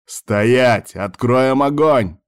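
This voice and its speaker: Guy doing a soldier yelling orders, loud, a bit higher. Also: fairly even intonation, fairly quick, clean tone, dry recording, studio quality, natural voice. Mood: commanding. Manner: barking, loud commands. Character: stern male soldier shouting orders.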